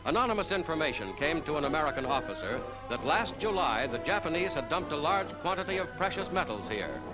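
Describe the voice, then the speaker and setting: Old newsreel narrator, man, higher voice, lively sing-song delivery, loud music under it. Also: poor audio. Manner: brisk announcer delivery.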